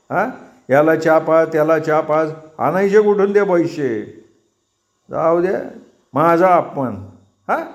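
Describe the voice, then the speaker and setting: Drunk middle-aged party worker, ranting, rustic, self-pitying, somewhat high voice, voiced by a man. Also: lightly acted.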